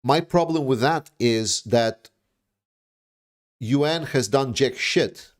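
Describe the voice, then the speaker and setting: With a medium-pitched voice, the Danish livestreamer fields viewer questions in a casual, blunt way, pausing haltingly and doubling up words for emphasis.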